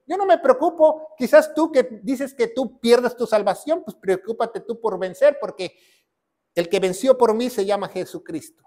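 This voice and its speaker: A man preaching a sermon as a pastor. He asks questions, answers them himself, repeats key phrases and rises to shouts. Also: extremely high pitch.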